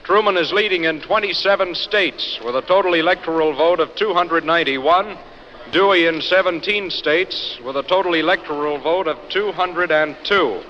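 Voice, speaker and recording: A man reading vote counts as a radio announcer, measured and formal, heard on an old 1940s radio news broadcast recording. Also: on the high side, pushed and bright. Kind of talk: reading election results on air. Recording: lo-fi old radio recording with long reverb and faint hiss.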